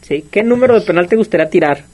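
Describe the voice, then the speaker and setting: Fast-talking high-pitched radio host. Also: male voice, animated, darkish tone, a little hiss or hum. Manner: eager, quick questioning. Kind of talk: radio interview.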